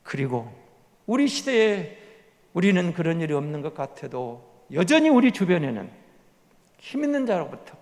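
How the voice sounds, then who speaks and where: A male pastor preaching a sermon in a church sanctuary, earnest, swinging from hushed explanation to loud pleading. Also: on the high side, big pitch swings, normal speed. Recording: long reverb of a church hall.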